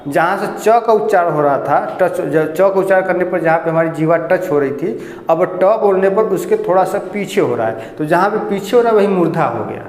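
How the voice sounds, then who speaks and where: High-voiced man teaching in an echoey classroom. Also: expressive, moderate pace, darkish tone. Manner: explains step by step, asks and answers his own questions. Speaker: Hindi grammar teacher. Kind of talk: classroom lecture. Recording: echoey room with long reverb.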